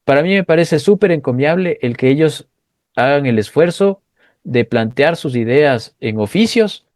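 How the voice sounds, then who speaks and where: A man's voice: on the high side, expressive, moderate pace, darkish tone, dry recording. Economist guy on a video call, earnest explainer, repeats words a bit, dry sound. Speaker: guest economist. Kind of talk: casual online interview.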